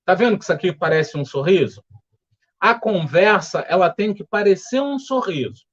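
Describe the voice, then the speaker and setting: A man with a Brazilian Portuguese accent leading a spiritual study group, speaking in a calm, gentle, explanatory way. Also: high voice, moderate pace, muffled recording. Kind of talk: reflective spiritual study talk. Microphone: home setup with earphones.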